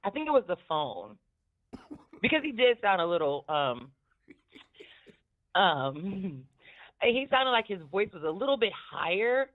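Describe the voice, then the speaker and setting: This woman's smoky voice sits at medium pitch and comes across as very animated, though she takes her time and leaves long pauses. She chats candidly about podcasts, cursing often and laughing readily, all through tinny phone-line audio.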